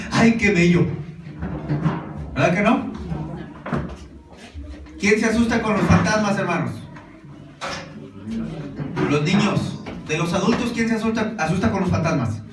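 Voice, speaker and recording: A pastor with a high voice gives a sermon in a church hall, speaking in a relaxed, conversational way, asking questions and repeatedly saying "brothers." The distant mic picks up roomy echo, with music playing behind him.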